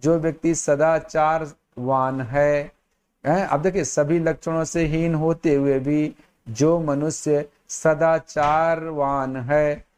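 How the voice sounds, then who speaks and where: A man teaching Sanskrit grammar who explains each word in Hindi, repeats phrases, and recites verses slowly. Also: on the high side, level tone, darkish tone, smooth. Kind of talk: slow explanatory lesson with recitation.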